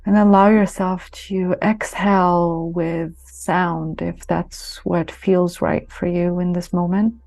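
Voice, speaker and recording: A yoga nidra guide leads a meditation, speaking very slowly with long pauses in a soothing manner. Her voice is low-set, soft-toned and mellow, with little pitch movement, over gentle music. There is no room sound.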